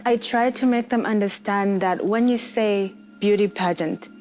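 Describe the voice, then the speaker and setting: A young woman from Zambia speaks in a casual panel chat, earnest and persuasive. Her voice sits at a middle pitch. Faint music plays underneath. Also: measured pace, a little mellow. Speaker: panel guest.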